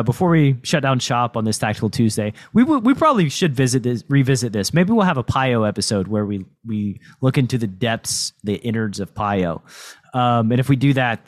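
A man's voice: fairly low pitch, dry recording. A man hosting a podcast in a casual, explanatory, lightly teasing way, close on a podcast mic. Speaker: podcast host and poker coach.

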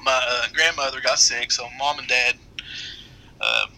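A middle-aged man with an Appalachian accent, telling a story casually in a halting, rambling way. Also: mid-range voice, huge pitch swings, creaky, crowd noise, poor audio. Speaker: guest storyteller.

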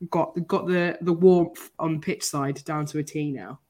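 A woman chatting casually as a podcast co-host, hoarse and unwell, with a croaky smoker's rasp. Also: low-pitched, fairly even intonation, measured pace, a little mellow. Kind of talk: casual chat.

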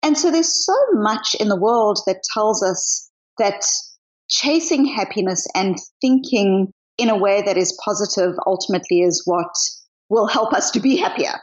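A middle-aged South African psychologist with a mixed accent speaks thoughtfully as an interview guest. Her mid-range voice is animated and at normal speed, though the recording is muffled.

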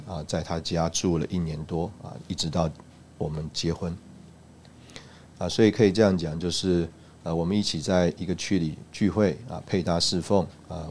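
Deep-voiced guy sharing his church testimony, lots of uh and ah, faint hiss behind. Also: darkish tone. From Taiwan. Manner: halting, many "uh" and "ah" fillers. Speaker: church speaker giving a testimony. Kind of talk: recounting a personal testimony.

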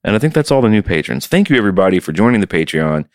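Low-voiced man joking around on a podcast. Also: very animated, rapid-fire, no room sound, clean studio sound. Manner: loose, joking and profane. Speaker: podcast co-host and touring musician. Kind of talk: casual podcast chat. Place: his home music studio.

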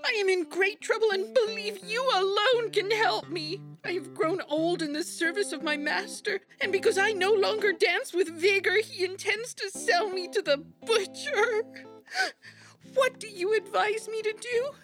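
A woman's voice: very high voice, normal speed, a bit bright, faint music behind. A woman voicing an old, frightened male monkey who frets and pleads theatrically. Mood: pleading. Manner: fretful and pleading, theatrical laments.

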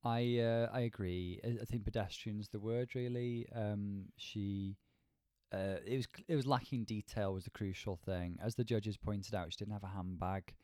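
A man with a lowish voice talks through a critique as a co-host, choosing his words in an articulate, measured way. The sound is close and dry. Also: fairly even intonation, warm tone, clear, resonant tone, dry recording. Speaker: podcast co-host reviewing a TV show. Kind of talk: conversational critique.

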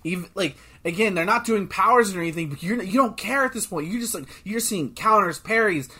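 A man co-hosting a casual chat podcast, rambling and excitable, often swearing as he talks. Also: sits high, fairly quick, slightly rough. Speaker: podcast co-host.

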